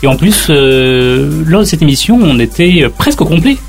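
A man speaking casually as a radio contributor, in a halting, hesitant way. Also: a little high, expressive, creaky, soft background music. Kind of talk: casual studio chat.

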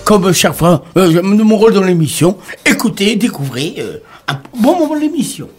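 A man's voice: high-pitched, sing-song, normal speed, slightly rough. Rambling, hesitant man chatting on radio. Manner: hesitant, rambling, repeats himself. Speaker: radio show columnist. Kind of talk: casual studio chat.

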